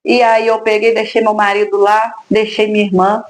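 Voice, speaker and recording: A woman's voice: mid-range voice, little pitch movement, moderate pace, low-quality recording. A woman from Brazil, a mother giving an emotional faith testimony, talking fervently and praying aloud, moved close to tears. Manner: fervent, addresses listeners as brothers, prays aloud.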